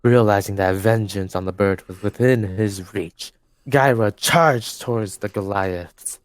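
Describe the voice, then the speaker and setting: A young man hosting a group reading, narrating fan fiction aloud in a steady voice with small slips and corrections, on a home mic over a voice call. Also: lowish voice, unhurried, no room sound. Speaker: host and narrator.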